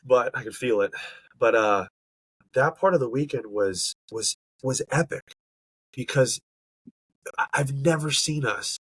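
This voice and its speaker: Stuffed up from allergies, a man co-hosting a casual podcast talks with earnest emphasis, frequently searching for words and pausing often. His mid-range voice is animated and a bit bright, slightly rough, at a measured pace, with no room sound.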